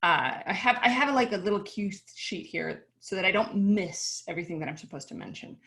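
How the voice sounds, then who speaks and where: A woman in her thirties from Chile, chatting upbeat and warmly on a video-call panel, laughing easily and slowing down to stress points. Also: medium pitch, expressive. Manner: upbeat, chatty, laughs easily, some slow emphatic stretches. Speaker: panelist, company founder.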